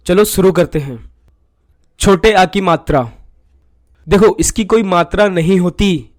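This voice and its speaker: A man explaining a grammar lesson in a slow, explanatory way, often telling the listener to look. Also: high-pitched, a little mellow, no echo, studio quality. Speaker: teacher. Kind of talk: scripted Hindi grammar lesson.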